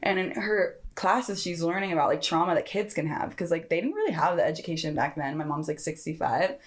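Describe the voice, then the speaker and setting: A woman's voice: fairly low pitch, animated, brisk. A young woman hosting a podcast, chatting casually and rambling with lots of laughter and "like". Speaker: podcast host. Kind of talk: casual chat.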